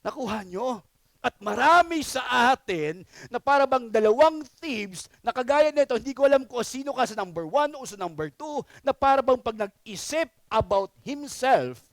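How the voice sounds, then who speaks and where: A male pastor with a very high, light voice delivers an emphatic sermon. He keeps checking in with his listeners as he goes. The sound is close and dry, with almost no room around it. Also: expressive, moderate pace, creaky, dry recording. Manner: emphatic, checks in with the congregation often.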